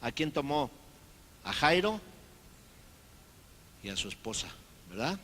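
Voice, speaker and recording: A man preaching a sermon as pastor, lively and acting out the people he quotes. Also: medium pitch, slow pace, a little hiss or hum.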